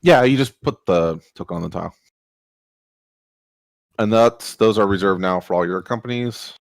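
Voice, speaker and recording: Low gravelly man, dry close mic, chatty rules explainer who rambles with fillers. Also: normal speed, no room sound. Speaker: board game player explaining rules. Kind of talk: casual chat over a board game.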